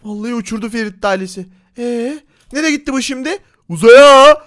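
A man's voice: very high voice, expressive, fast talker, fairly bright tone. A man hosting a Minecraft role-play, chatty and teasing, talking to his viewers. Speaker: game role-play host and narrator.

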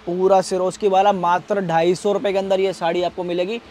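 A man hosting a video in a sari shop, asking the seller quick questions and pointing out the stock. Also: high voice, flat delivery, a little mellow. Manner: quick questions and "look at this" showing remarks. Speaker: video host visiting the shop. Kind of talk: casual shop-visit interview. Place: saree shop.

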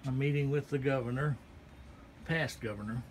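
A man's voice: medium pitch, normal speed, a little hiss or hum. Folksy man giving a gallery tour. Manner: relaxed, folksy, pointing things out one by one. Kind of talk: casual walking tour narration. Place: small indoor art gallery. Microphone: handheld phone camera.

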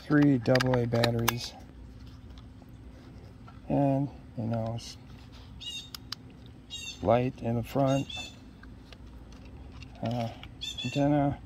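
This middle-aged man speaks at a medium pitch in a level tone, drawing out his words and leaving long pauses. He's unboxing gear in a leafy yard, chatting casually and unscripted while musing in short, hesitant bits. Ambient outdoor sound sits behind his voice.

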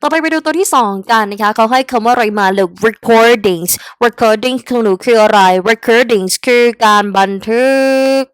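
This young English tutor with a Thai accent has a fairly high, clear, resonant voice, a little slow yet with hardly any pauses, recorded without room sound. In her chatty exam-prep vocabulary lesson she addresses the students directly as "kids," weaving in English words.

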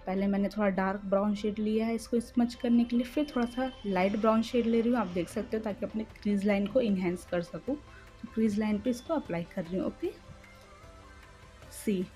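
A young woman records a relaxed makeup tutorial voice-over at home late at night, keeping her voice low and her pace unhurried. Her pitch sits in an ordinary middle range, and faint music plays quietly underneath. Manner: chatty, speaks softly and slowly at night. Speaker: beauty vlogger. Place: room in a house by a main road at night.

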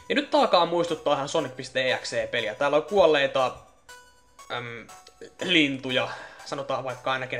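A young man talks over a horror game in a loose, offhand way. He swears easily and pokes fun at the scares, at a middle pitch with faint music playing in the background. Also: fairly bright tone. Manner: swearing, joking, mocking the scares. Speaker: let's play gamer. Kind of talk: casual horror game commentary.

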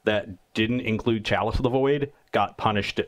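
A man's voice: lowish voice, moderate pace. A man co-hosting a card game match, explaining strategy in long, analytical sentences in casual commentary.

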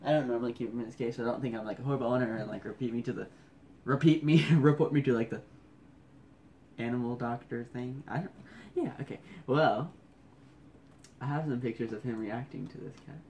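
Hushed, rambling young man vlogging. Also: mid-range voice, fairly even intonation, fast, a little hiss or hum. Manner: rambling, self-mocking; hushed, keeping his voice down. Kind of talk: casual photo-scrolling commentary. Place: at home indoors at night.

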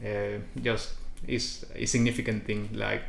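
In an echoey room, a small colorful indoor lounge, a young Honduran man answers casual interview questions as an international student guest. His voice is fairly low, unhurried, and creaky, carrying a Honduran Spanish accent from his native Spanish, and he narrates animatedly with frequent restarts and fillers.

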